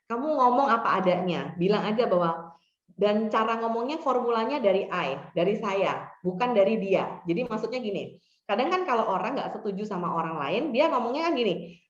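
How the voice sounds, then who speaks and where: Woman counselor, echoey dull recording. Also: mid-range voice. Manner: conversational, acts out example dialogues. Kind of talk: workshop talk giving advice.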